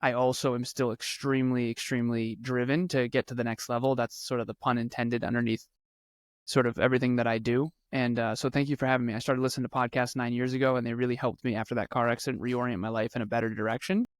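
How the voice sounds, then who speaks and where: Man, 30s, podcast guest; earnest storyteller who repeats for emphasis, dry close sound, mid pitch. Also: flat delivery, quick pace, no room sound. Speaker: podcast guest, speaker and coach. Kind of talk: conversational interview storytelling.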